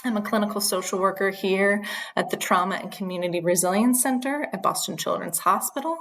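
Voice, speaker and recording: A woman's voice: on the low side, rough recording. A woman clinical social worker hosting an online training session, speaking earnestly with frequent ums. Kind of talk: webinar presentation.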